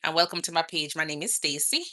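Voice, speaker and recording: A Jamaican woman who works as a nurse and vlogs chats casually on an outdoor livestream, greeting viewers by name. She speaks in a low, sharp voice with a Jamaican accent and a quick pace.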